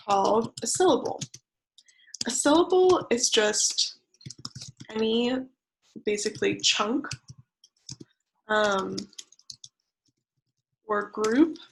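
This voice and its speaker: A young woman leads a children's writing class over a computer mic, talking slowly and patiently. Her voice carries a gravelly fry, and a faint hiss sits under it. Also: medium pitch, poor audio. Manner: patient, counts syllables aloud slowly. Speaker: creative writing teacher. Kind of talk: online lesson for children.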